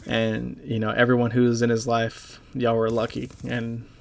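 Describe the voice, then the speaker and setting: A man's voice: mid-range voice, monotone, vocal fry. Rambling young man, gaming voice-over. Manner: halting, rambling, heavy with fillers; casual and profane. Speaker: gaming YouTuber and clan leader. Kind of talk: casual voice-over commentary on gameplay.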